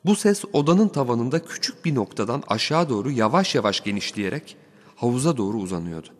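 A man narrating a first-person story as an audiobook, in a steady, wry way. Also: medium pitch, a little fast, long reverb tail.

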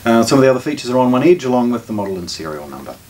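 Very fast and sing-song, his mid-range voice darkish in tone, a middle-aged shop presenter and product reviewer comments off the cuff while unboxing a product. The setting is a small shelved listening room indoors, recorded on a distant camera mic that picks up clicks and background noise.

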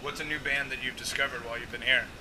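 A man behind the camera asking brisk, upbeat interview questions on a cruise ship. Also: medium pitch, steady tone. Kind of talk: quick-fire interview questions. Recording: noisy ship ambience.

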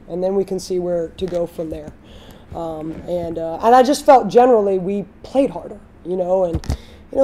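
A woman in her thirties, a head coach giving a candid postgame interview, speaking in a measured way with frequent fillers. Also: fairly low pitch, dark tone, a little hiss or hum. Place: studio backdrop, indoors.

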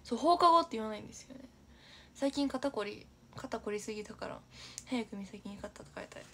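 A woman's voice: a little high, lively intonation, brisk, bright, forceful tone, a little hiss or hum. A young woman from Aichi hosting a casual livestream, chatty and giggly, reading viewer comments aloud and often dropping to a near-whisper. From Aichi, Japan. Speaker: idol livestream host.

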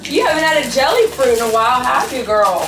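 A woman's voice: sits high, big pitch swings, quick pace. A woman chatting casually with a child in playful questions and exclamations, talking with retainers in her mouth. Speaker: mother filming family vlog. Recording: echoey room, distant mic, music over it.

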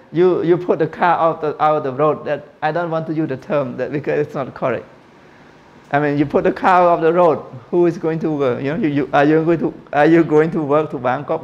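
A middle-aged man from Cambodia lectures a room into a handheld mic, his voice sitting fairly high for a man. He talks loosely, restarting phrases, correcting numbers mid-sentence and asking the audience questions. The recording is a little dull and lo-fi. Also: normal speed. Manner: informal, repeats and corrects himself, asks audience questions. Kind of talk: classroom lecture. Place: lecture room with projector screen.

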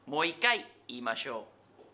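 A man's voice: mid-range voice, big pitch swings, normal speed, bright, forceful tone, a little hiss or hum. A man teaching local dialect phrases in a comic lesson, drilling each phrase with a cheerful repeat.

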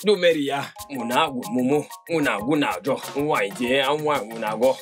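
A man's voice: medium pitch, moderate pace, natural voice. A man voicing a boastful young villager. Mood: mocking. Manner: boastful and teasing. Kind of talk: French film dub. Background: background music.

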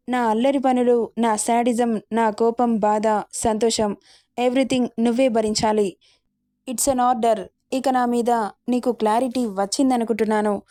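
A man's voice: extremely high pitch, mellow, no room sound, studio quality. A woman voicing a bossy, domineering man in his late twenties, the romantic hero of a spoken storybook. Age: 20s. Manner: domineering, commanding.

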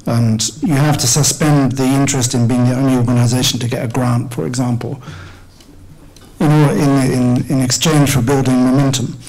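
A middle-aged man answering questions on a conference panel, measured and thoughtful, often restarting phrases and clearing his throat. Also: medium pitch, steady tone, darkish tone, poor audio. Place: conference hall. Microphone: table microphone.

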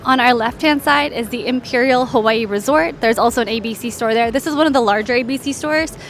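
A travel guide and vlog host narrates a walking tour, her voice fairly high, fairly quick and a bit bright. She is casual, informative and conversational, pointing things out in an orderly fashion, with a little hiss or hum on the recording.

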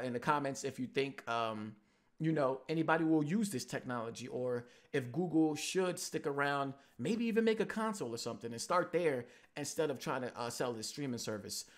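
Gaming YouTuber, male, average pitch; laid-back, unscripted commentary with frequent fillers. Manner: relaxed, loose, with many ums and uhs. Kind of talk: casual commentary on gaming news.

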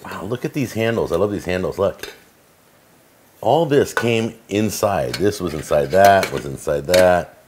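A man's voice: deep voice, expressive, a little slow, darkish tone, a little hiss or hum. A middle-aged man hosting a cooking show, chatting casually and enthusiastically as he shows off gadgets in his home kitchen. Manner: chatty, enthusiastic, filler-heavy. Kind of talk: casual product demo.

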